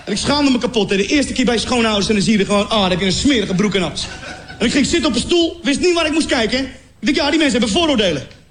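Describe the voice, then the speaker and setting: A young man performs stand-up, telling an animated story and acting out scenes with sound effects. His voice sits very high for a man. The recording carries the echo of the venue and noise from the room. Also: very fast. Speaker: comedian. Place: stage in a venue before a laughing audience. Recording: echoey venue with crowd noise. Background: audience laughter.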